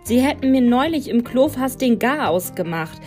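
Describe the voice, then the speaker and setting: A woman's voice: fairly high pitch, expressive, moderate pace, a little mellow, faint music behind, pitched above the performer's own voice, natural voice. A woman voicing an indignant teenage boy in a storybook, worked up and overdramatic. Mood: outraged.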